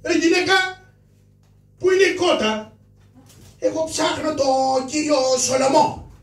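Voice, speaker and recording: A man voicing Karagiozis, the poor, hot-tempered hero of a shadow puppet play, scolding loudly in fast bursts. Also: very high-pitched, recorded from a distance. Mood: scolding, frantic. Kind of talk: Greek shadow puppet theatre. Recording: roomy live stage from afar.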